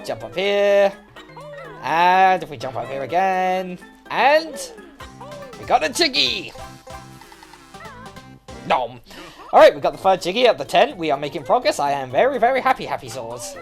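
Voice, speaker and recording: A man's voice: high voice, big pitch swings, moderate pace. A man giving casual, joking commentary as he plays through a video game for his channel. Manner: chatty and playful, jokes as he plays. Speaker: let's play host. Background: faint video game music.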